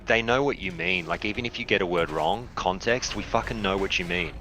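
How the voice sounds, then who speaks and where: A man who hosts a podcast, chatting casually while gaming, animated and swearing, often mimicking other people. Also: low voice, fairly quick, a little hiss or hum. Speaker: podcast host.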